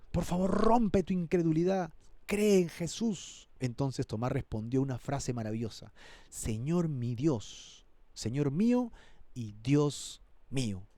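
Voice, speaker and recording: A man's voice: a little high, dark tone, no echo. A male pastor preaching an expository sermon, dramatizing the scripture and earnestly appealing to his listeners. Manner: dramatizes the scripture, acting out characters' voices.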